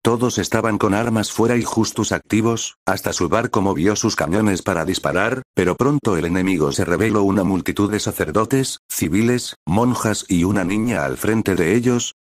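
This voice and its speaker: Deep-voiced guy reading fan fiction out loud, steady, dry close sound. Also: normal speed, hardly any pauses, no echo. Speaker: narrator.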